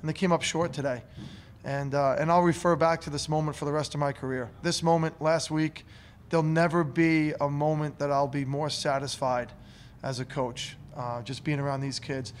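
A man's voice: on the high side, steady tone, moderate pace, slight background noise. A man in his thirties, a head coach at a postgame press conference, talking earnestly and emotionally and often repeating words, into a table microphone in a press room. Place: press room in front of a curtain. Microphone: table mic on a stand.

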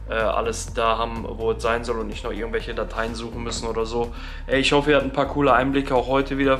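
A man in his thirties hosts a casual vlog, speaking slangy and directly to viewers through a phone held at arm's length. His voice is mid-range and a bit bright. The setting moves from an arena crowd to a hotel room.

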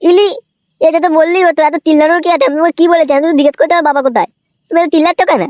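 A woman's voice: very high voice, fairly even intonation, a little mellow, slight background noise. A woman voicing a cheeky young grandson in a cartoon who nags his grandfather and talks back. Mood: indignant. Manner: nagging, quick back-talk. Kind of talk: cartoon voice acting.

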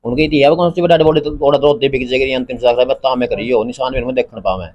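Interviewee, male, mid-pitched, halting and rambling. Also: steady tone, a little mellow, muffled recording. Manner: rambling, halting speech with restarts. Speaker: relative of a victim. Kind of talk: recorded interview.

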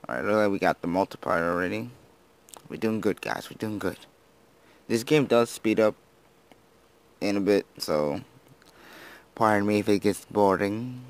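A man's voice: fairly low pitch, normal speed, long pauses, clean tone. A teenage boy chatting casually over his gameplay, rambling and self-deprecating, who admits he slurs his words and has just woken up. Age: teens. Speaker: gaming YouTuber.

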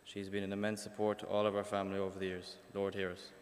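Flat-toned man reading prayers. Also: deep voice, quick pace. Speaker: family member reading prayers. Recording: long church reverb.

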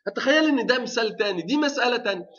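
Male lecturer, Egyptian accent, high, quick delivery, rhetorical questions, dull lo-fi recording. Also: animated, a bit bright. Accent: Egyptian Arabic. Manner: asks the class rhetorical questions, frequent fillers and restarts. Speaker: university lecturer. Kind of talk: technical lecture.

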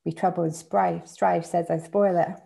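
A chummy Cockney cab driver, unhurried and full of rhyming slang, as a woman reading a story puts him on. The voice is dark and mellow, with a gravelly rasp under it. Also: on the low side, flat delivery. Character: jovial Cockney cabbie, chatty, rhyming slang.

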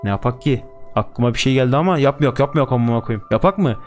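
Young man, crude swearing gamer commentary, mid pitch. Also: expressive, fast talker, faint music behind. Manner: crude, joking, swears constantly. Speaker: gaming YouTuber. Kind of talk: let's-play commentary.

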